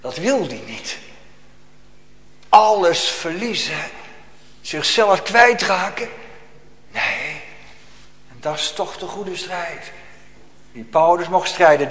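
A man preaching a sermon, swinging between loud emphatic calls and quiet, almost whispered asides. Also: on the high side, expressive, slow pace, pauses often. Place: church. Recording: echoey church hall.

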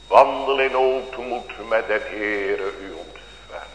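A man's voice: on the low side, takes it slowly, a bit bright. A male pastor preaching a sermon to his congregation with fervent, old-fashioned biblical phrasing. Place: church. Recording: echoey church hall with faint hum.

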